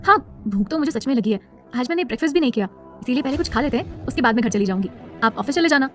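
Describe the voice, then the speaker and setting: A woman's voice: sits high, lively intonation, rapid-fire, faint music behind. A woman voicing a young woman, a chirpy younger sister who questions her brother.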